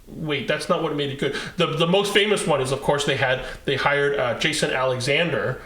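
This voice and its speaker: A man co-hosting a casual movie podcast, animated and quick to laugh, often trailing off and restarting. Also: fairly high pitch, roomy sound, rough recording. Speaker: podcast co-host. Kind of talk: casual chat.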